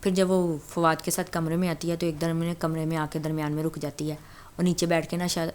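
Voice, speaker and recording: A woman's voice: sits low, level tone, darkish tone. A woman casually retelling a novel's plot as a storyteller, talking in a loose conversational way with fillers and restarts.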